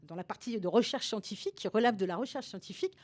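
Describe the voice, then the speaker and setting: A woman consultant explains a topic over slides in a webinar, speaking fast in a medium-pitched, darkish voice. She sounds hesitant, filling her speech with fillers and restarts and tacking tags onto the ends of her sentences.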